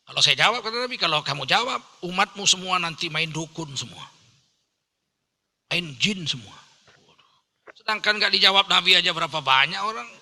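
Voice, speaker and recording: A man's voice: high-pitched, normal speed, pauses often. A man preaching a sermon, telling stories humor and acting out the voices in them. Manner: animated storytelling, jokes, acts out quoted voices.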